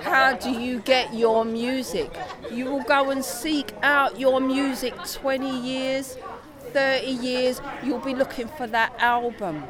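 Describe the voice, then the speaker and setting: A woman's voice: high-pitched, flat delivery, slow pace. A woman speaking passionately and reflectively in a vox pop. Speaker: festival visitor. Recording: loud crowd noise.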